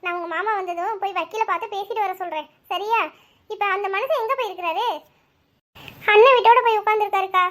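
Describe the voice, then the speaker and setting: A woman's voice: very high voice, fast, fairly bright tone. A woman voicing an older cartoon mother who scolds firmly and comforts her family. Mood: firm, comforting. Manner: firm, scolding yet comforting.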